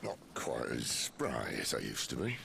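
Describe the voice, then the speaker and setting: A gravelly, gruff old mentor. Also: male voice, huge pitch swings, a little slow, full character voice. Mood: wry. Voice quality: deep gravelly voice. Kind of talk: video game dialogue. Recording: noisy game audio under a stream.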